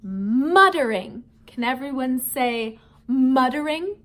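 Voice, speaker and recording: Her voice sits high and a bit bright, expressive and slow, as this teacher leads schoolchildren through vocabulary and a storybook read-aloud. Playful, she addresses them directly with questions and frequent chuckles.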